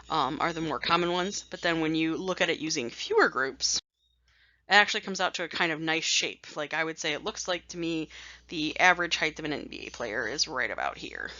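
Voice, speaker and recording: Woman instructor, chatty slide lecture, self-mocking asides, lowish bright voice, dry dull lo-fi recording. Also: dry recording. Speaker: statistics instructor.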